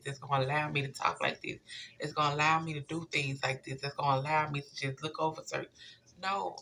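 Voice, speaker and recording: A tarot reader talks straight to viewers in a casual spiritual message, earnest and plain-spoken. The voice has a gravelly edge and a bright, forceful tone. A faint hiss sits under the speech. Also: mid-range voice.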